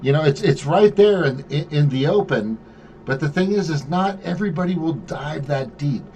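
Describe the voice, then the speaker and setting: A man hosting an open group chat show, talking in a rambling, animated way with lots of swearing and restarts. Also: on the high side, moderate pace. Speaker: podcast host.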